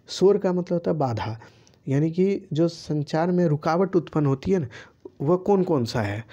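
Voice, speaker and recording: A man's voice: on the high side, dark tone, highs cut off. A man teaching students, patiently walking through quiz answers and asking himself rhetorical questions before giving each answer.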